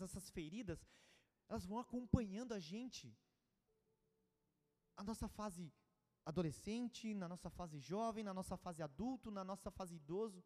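Give me a Brazilian man preaching with feeling, his voice going from hushed to urgent, echoing through a church hall. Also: sits high. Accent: Brazilian Portuguese. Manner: emotional storytelling, swings from hushed to urgent. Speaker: pastor. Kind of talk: sermon.

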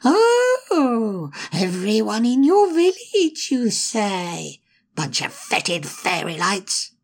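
A woman voicing a sly, spiteful male imp in a storybook, mocking and insulting in a raspy, put-on voice. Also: wildly swooping pitch, takes it slowly, exaggerated voice. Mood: taunting. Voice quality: gravelly, raspy. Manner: mocking, sneering, darts between whispers and shrill taunts. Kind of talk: storybook reading.

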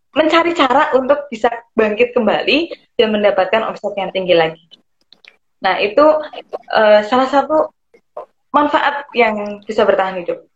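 A woman who explains things conversationally and pauses often to search for words. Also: fairly high pitch. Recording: roomy, dull lo-fi sound.

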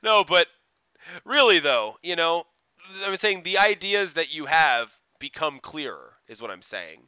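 A man's voice: fairly high pitch, sing-song, measured pace, pushed and bright, clean tone, dry recording, dull audio. A man co-hosting a casual podcast, rambling with lots of fillers and frequent laughs. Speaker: podcast co-host.

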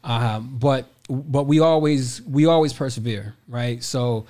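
A man's voice: medium pitch, a little slow, darkish tone. A man in his forties, a podcast guest giving emphatic motivational talk, repeating his phrases and addressing listeners as y'all. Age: 40s.

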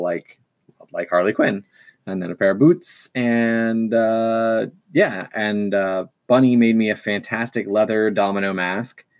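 A man's voice: deep voice, vocal fry. A man telling stories in casual chat, enthusiastic and rambling.

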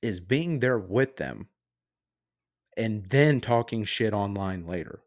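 A man's voice: fairly low pitch, animated, slow. A podcast host, a man, ranting on his own in a heated, sarcastic and profane way. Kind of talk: casual solo rant.

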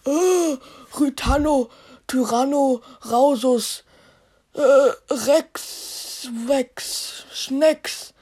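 A woman's voice: high-pitched, very slow, mellow. A woman voicing a silly, cheeky little blob creature in a playful fan story, rambling and stumbling over words. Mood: goofy.

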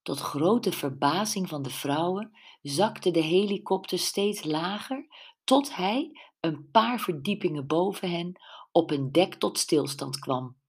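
A woman narrating a mystery audiobook in a steady, measured reading voice. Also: on the low side, slightly rough.

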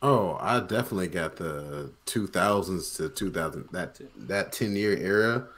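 A man in casual group chat, measured and low-key, his voice dropping at the ends of phrases. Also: a bit bright.

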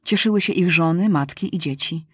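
A woman narrating a children's storybook with a lively, expressive reading. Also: on the low side, brisk, breathy edge, no room sound, clean studio sound.

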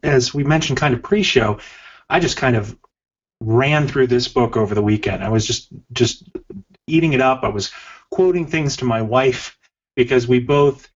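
A man hosting a podcast, asking a long, rambling question with many fillers and hesitations. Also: medium pitch. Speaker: podcast host. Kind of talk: interview question. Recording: slightly dull podcast audio.

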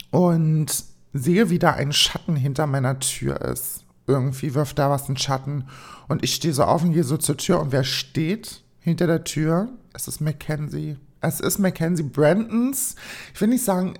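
Animated creaky-voiced woman storyteller. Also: low-pitched. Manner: animated, acts out every line. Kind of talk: dramatic storytime vlog.

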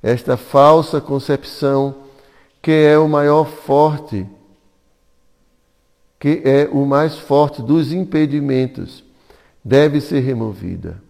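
A man's voice: mid-range voice, takes it slowly, creaky, long pauses, darkish tone, long reverb tail. A Brazilian Portuguese-speaking man reading scripture commentary aloud at a devotional class, chanting Sanskrit verses in a singsong. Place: community hall at an ecovillage.

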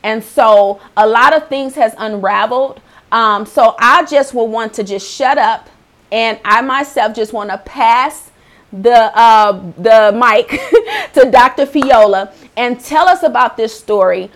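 A woman hosting a faith-based talk show in a chatty, animated way, laughing often. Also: a little high, unhurried. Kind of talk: casual faith-based chat.

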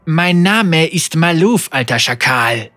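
A man voicing a scheming mercenary leader who speaks loudly and mockingly. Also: fairly high pitch, lively intonation, slow, soft background music, pitched above the performer's own voice, heavily acted. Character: scheming male mercenary leader, sly and menacing.

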